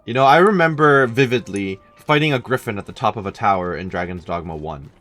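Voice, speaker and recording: A man's voice: fairly low pitch, expressive, brisk, a bit bright. A man commentating casually as he plays a game, thinking aloud in a dry way. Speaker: gaming let's-player.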